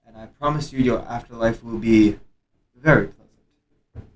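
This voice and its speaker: A man's voice: measured pace, distant mic, rough recording. A man doing a devil lord's magically amplified voice. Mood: proclaiming. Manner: grand, booming proclamation. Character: newly made male devil lord addressing his town. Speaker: tabletop game player. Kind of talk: in-character speech in a tabletop game.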